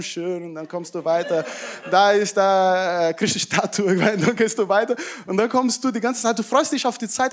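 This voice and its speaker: A man preaching to a congregation, retelling a Bible story in a lively way, acting out quotes and asking his listeners questions. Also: high-pitched.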